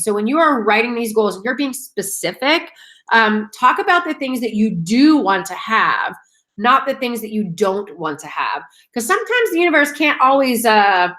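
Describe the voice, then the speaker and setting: A woman's voice: fairly high pitch, a bit bright. A woman in her thirties, chatty and upbeat, coaching her sales team on goal setting and calling her listeners guys. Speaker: direct sales team leader. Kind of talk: casual coaching talk.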